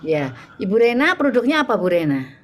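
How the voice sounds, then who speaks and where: A woman's voice: mid-range voice, normal speed. A woman teaching public speaking in an online workshop over a video call, acting out little sales dialogues as she goes. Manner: animated, acts out sales dialogues.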